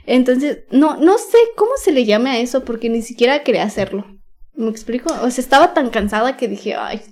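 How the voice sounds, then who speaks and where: Young Mexican woman guest with a slightly high voice, candid, slangy, lots of fillers. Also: lively intonation, a little fast, darkish tone. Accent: Mexican Spanish. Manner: slangy, frank, with many fillers and nervous laughs. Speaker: podcast guest. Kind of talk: candid personal storytelling.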